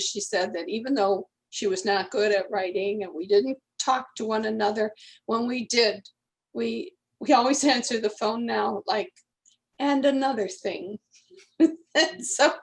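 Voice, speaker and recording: Woman, 80s; rambling, friendly interview guest with a gravelly edge. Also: mid-range voice, moderate pace. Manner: chatty, rambling storyteller. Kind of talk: casual conversation.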